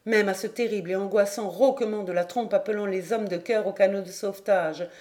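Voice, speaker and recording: Woman narrator, measured audiobook reading, mid pitch. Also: steady tone, a little mellow. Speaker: audiobook reader. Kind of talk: scripted narration.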